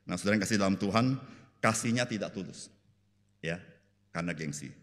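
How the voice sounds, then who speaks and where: Joking pastor in a reverberant church. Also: male voice, a little fast. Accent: Jakarta Indonesian slang. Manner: folksy storytelling, jokes, keeps saying "saudara"; jumps into high animated voices to act out people in the story. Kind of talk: sermon. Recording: church sanctuary with long reverb.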